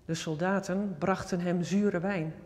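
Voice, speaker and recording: A man reading a Bible passage in a solemn, measured and reverent way, lifting his voice for the quoted words. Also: high voice, steady tone, a little mellow, in a large hall. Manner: measured and reverent, quotes spoken with stronger emphasis. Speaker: scripture reader.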